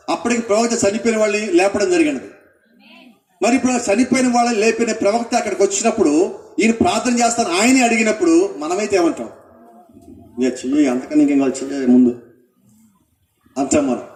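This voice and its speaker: A man's voice: sits high, a little mellow, reverberant, far from the mic. A male pastor preaching a sermon, asking the congregation questions and acting out what people say.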